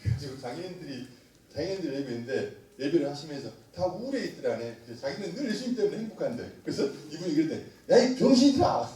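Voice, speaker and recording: A middle-aged man, a pastor and missionary, preaching a lively sermon, joking and quizzing the congregation with call-and-response questions. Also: fairly high pitch, fast. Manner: animated, joking, quizzes the congregation, laughs often. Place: church sanctuary. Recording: echoey room, mic at a distance.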